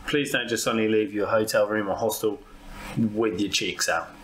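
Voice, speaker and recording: A man's voice: on the low side, steady tone, normal speed, over a noisy crowd. A man, co-hosting a travel podcast in casual chat, playful and self-mocking as he guesses. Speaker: podcast co-host. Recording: noisy recording.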